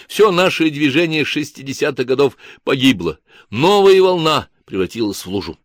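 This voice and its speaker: A man's voice: mid-range voice, lively intonation, moderate pace, no room sound, studio quality, voice pushed up, lightly acted. A man voicing an agitated male artist confessing and justifying himself in a radio interview. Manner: agitated, self-justifying, emphatic.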